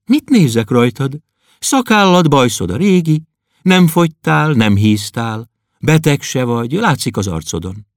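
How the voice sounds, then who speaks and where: A man reading aloud and voicing a chatty, clever young girl who talks with lively, coaxing sternness. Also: medium pitch, no room sound, studio quality, pitched above the performer's own voice.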